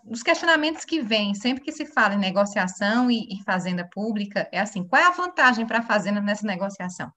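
A woman's voice: fairly high pitch, fairly bright tone. A woman speaking on a seminar panel, earnestly explaining her legal views. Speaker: panelist, public law attorney.

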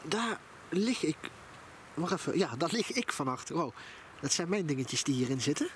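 At a moderate pace, a man whose voice runs on the high side speaks in a very animated way. He's a vlogger offering casual, enthusiastic commentary by a campfire in a nighttime forest, recorded on a handheld camera with noisy audio.

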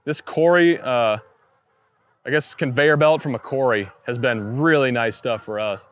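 A man's voice: mid-range voice, unhurried, lo-fi sound. Guy in his 30s showing folks around his chicken farm, laid-back explaining, lapel mic outdoors. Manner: relaxed, matter-of-fact explaining. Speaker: pastured poultry farmer. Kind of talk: casual farm tour talk. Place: outdoors on a farm pasture beside a coop.

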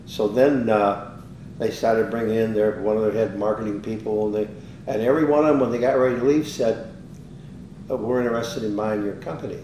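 A man's voice: brisk, dark tone. An older man in casual storytelling mode, rambling through an anecdote and acting out the dialogue he recalls. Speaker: interviewee, business owner. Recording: roomy, distant mic with faint rumble.

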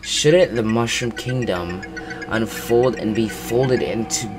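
A man voicing a slow, solemn paper king villain. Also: fairly low pitch, noisy background. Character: cold, grand origami king villain, male.

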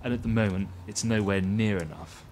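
An actor in his thirties playing a craving addict with wry, gentlemanly politeness in a short film. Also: on the low side, brisk, background noise, close to an everyday voice. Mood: brooding, desperate. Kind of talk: dramatic monologue and dialogue.

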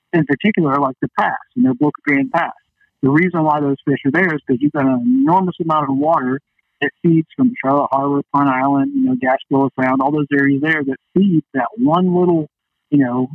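Through a dull, band-limited phone connection, a guest fishing captain chats folksily in a casual storytelling interview, saying "you know" again and again. The man's voice is fairly high and creaky, in a dry recording.

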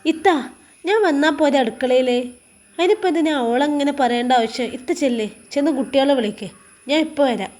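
A soft, pleading young woman with a Malappuram Malayalam accent, as a woman storyteller puts her on. Her voice sits high and light. She sounds tired and gentle, like a storybook heroine. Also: a little fast, natural voice.

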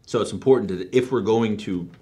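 Low-voiced blunt man talking shop. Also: brisk. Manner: blunt, profane, relaxed. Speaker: show co-creator discussing military comedy. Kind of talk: casual podcast conversation.

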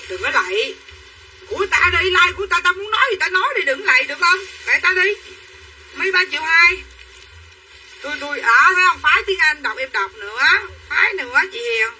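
Selling dresses on a livestream, a woman with a high, bright, forceful voice runs through chatty sales patter and calls her viewers "sisters." The clothing seller is recorded from a distance, with faint room noise behind her.

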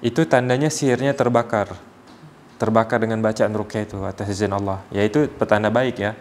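A man working as a ruqyah healer, calmly explaining to a patient and acting out short quotes as examples. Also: fairly low pitch, fairly quick, slight background noise.

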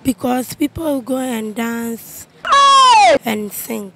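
Higher-voiced Ghanaian woman answering quiz. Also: slow, vocal fry, mellow, poor audio. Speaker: street quiz contestant. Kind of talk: answering street quiz questions. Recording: music over street interview. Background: music.

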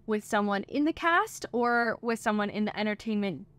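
A woman's voice: mid-range voice, animated, normal speed, fairly bright tone, no echo. A woman in her twenties who works as a cruise ship performer, chatting casually to the camera from her cabin with lots of filler words. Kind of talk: casual vlog explainer. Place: small crew cabin on a ship.

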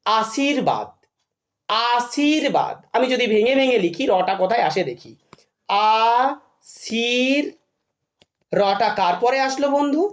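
A woman teaching a children's spelling lesson, asking questions and answering them herself and repeating a catchy rule. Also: a little high.

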